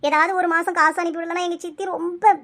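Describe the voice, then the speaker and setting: A woman's voice: very high-pitched, level tone, fairly bright tone. A woman voicing a mistreated young village woman in her twenties in a cartoon, telling her hardships in a tearful, pleading way. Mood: sorrowful. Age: 20s. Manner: tearful, pleading, rapid storytelling. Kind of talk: cartoon voice acting.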